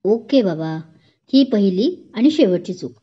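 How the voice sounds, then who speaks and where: A woman's voice: mid-range voice, big pitch swings, unhurried, husky. A woman reading a storybook romance, voicing a playful young woman who coaxes and teases her lover. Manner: coaxing, teasing, childlike. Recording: dull lo-fi recording.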